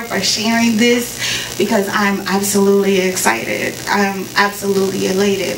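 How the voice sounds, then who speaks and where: A woman's voice: mid-range voice, fairly bright tone, a little hiss or hum. A young woman speaking to a live audience before her performance, telling a personal story casually and repeating phrases for emphasis. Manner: conversational, repeats phrases for emphasis, talks to the crowd. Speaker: spoken word performer. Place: live concert venue. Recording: roomy live sound from a distance. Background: faint audience ambience.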